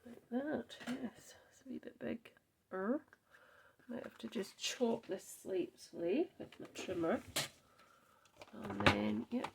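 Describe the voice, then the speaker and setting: A woman hosting a casual craft tutorial, chatting to herself as she works and dropping into soft half-whispers while she crafts. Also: medium pitch, gravelly, very noisy. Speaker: craft video host.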